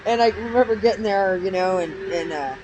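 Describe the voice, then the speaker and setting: A woman's voice: mid-range voice, brisk, crowd noise. A middle-aged woman co-hosting a podcast in casual chat, rambling and trailing off mid-sentence with frequent laughs. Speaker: podcast co-host. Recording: noisy background.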